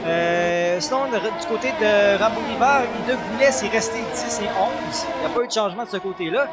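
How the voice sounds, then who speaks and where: A man with a Quebec French accent doing excited, exclamatory live play-by-play as a motorsport commentator. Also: sits high, brisk, over loud music. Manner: exclamatory, urgent, repeats names and phrases.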